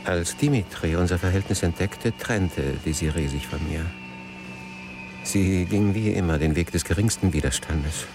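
A low-pitched male voice, moving at a moderate pace over music, belongs to an actor playing a melancholy, jealous middle-aged poet in a radio drama. Bitter and reflective, he broods in literary phrasing through both narration and intimate dialogue.

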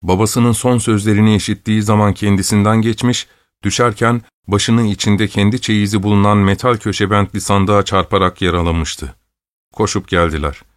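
A man narrating a classic novel as an audiobook in a steady, earnest reading voice. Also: sits low, dry recording, clean studio sound.

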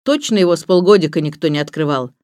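A woman voicing a stern middle-aged gamekeeper who gives gruff commands. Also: sits low, fast, a little mellow, no room sound, studio quality, lightly acted. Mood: commanding.

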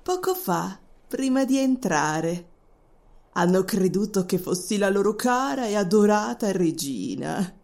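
A woman voicing a cruel, scheming young witch in an audiobook, talking with slow, sarcastic mockery in a gravelly voice. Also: mid-range voice, very animated, a little mellow. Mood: mocking. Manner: sarcastic, mocking, slow and gloating. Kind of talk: audiobook voice acting.

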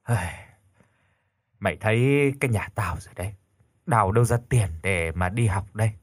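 A man's voice: on the low side, expressive, normal speed, a bit bright, no room sound, studio quality. A man voicing a tired young man who speaks reluctantly and bitterly. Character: weary young man from a broken home.

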